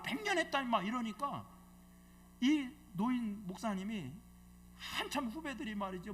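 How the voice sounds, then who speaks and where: Animated middle-aged man preaching a revival. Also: high voice, a little hiss or hum. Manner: animated, quizzes the congregation with questions; colloquial, joking asides. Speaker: guest preacher, bishop. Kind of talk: revival sermon with storytelling. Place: church sanctuary.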